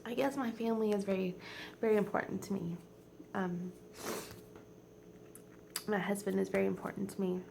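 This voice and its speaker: A woman in her forties vlogs from home in a rambling, heartfelt chat, teary, her voice sinking to soft near-whispers. Her tone is gravelly and sits at a middle pitch. A faint hiss runs under the recording. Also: fairly even intonation, moderate pace, pauses often. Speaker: vlogger. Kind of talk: casual chat.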